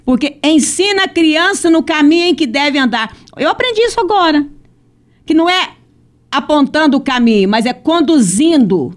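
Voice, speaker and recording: A woman's voice: high voice, animated, normal speed. Brazilian woman moderating a church podcast. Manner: affirming, warmly interjecting "né?".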